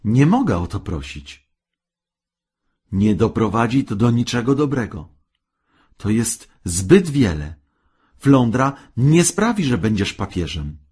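A man's voice: fairly low pitch, big pitch swings, slow pace, pauses often, a little mellow, husky, voice pushed up, exaggerated voice. A man voicing a timid, fearful fisherman husband in a spoken fairy tale, with hesitant, stammering, pleading speech. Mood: refusing.

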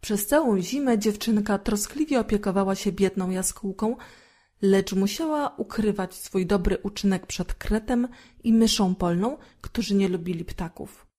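A woman reads a fairy tale aloud in a gentle, expressive storytelling manner. Her voice is mellow and dark-toned, sitting at an ordinary pitch. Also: moderate pace.

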